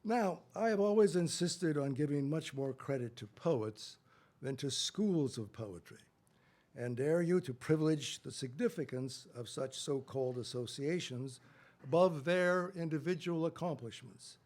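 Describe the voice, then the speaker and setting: Slow, solemn older man reading aloud. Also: fairly high pitch, animated, darkish tone. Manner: deliberate, measured phrasing. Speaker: poet reading at a memorial event.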